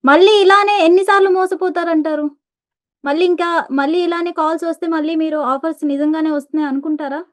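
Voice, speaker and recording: A woman's voice: very high voice, steady tone, fairly quick. A woman interviewer asking probing, challenging questions.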